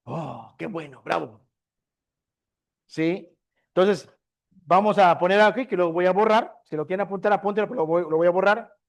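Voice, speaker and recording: A man's voice: sits high, fairly quick. A man preaching a sermon as pastor of a discipleship class, often asking his listeners rhetorical questions and answering them himself. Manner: asks the congregation frequent rhetorical questions.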